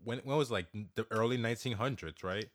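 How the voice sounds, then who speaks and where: A young man co-hosting a podcast, teasing his friends with crude jokes and quick laughs. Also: medium pitch. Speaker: podcast co-host. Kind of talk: casual podcast banter.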